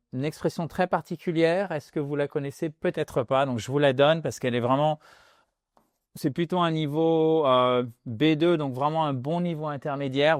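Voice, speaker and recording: A man giving an English lesson in French, explaining lively and switching into English examples. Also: on the high side, no echo, studio quality. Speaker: English teacher. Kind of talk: video lesson.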